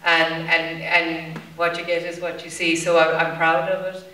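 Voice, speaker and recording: A woman's voice: low-pitched, monotone, normal speed, pushed and bright, recorded from a distance. A woman from Ireland with a Limerick accent, answering candidly on a conference panel, with many fillers and restarts. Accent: Irish, Limerick. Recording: roomy hall, voice from the mic.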